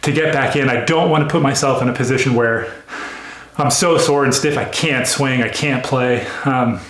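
A man's voice: mid-range voice, normal speed, a bit bright, reverberant. A man explaining his workout between sets in a casual training vlog, out of breath and using a lot of fillers. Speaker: golf speed trainer. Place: small gym room.

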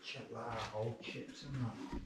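A man's voice: mid-range voice, fairly even intonation, a little slow, heavy background noise. A man with a Yorkshire accent talking bluntly and swearing a lot while exploring a derelict factory. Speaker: urban explorer. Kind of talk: casual chat while exploring. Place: indoors, derelict factory buildings.

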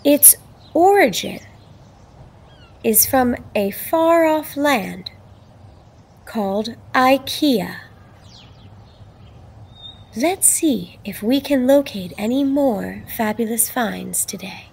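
Woman, slow and breathy, whispered mock-documentary narrator, deadly solemn. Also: on the high side, lively intonation. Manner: hushed, often whispering, solemn and dramatic.

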